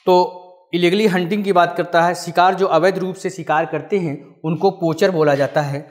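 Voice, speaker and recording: A man teaching an exam-prep English grammar class, calling his students children and asking and answering his own questions, with the English example sentences read out slowly. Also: high voice, steady tone. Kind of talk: classroom-style grammar lesson.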